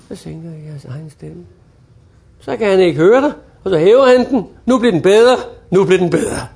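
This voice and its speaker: A man teaching customer service on the phone, acting out little phone dialogues in quick voices. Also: high-pitched, a little mellow. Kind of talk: lively training talk.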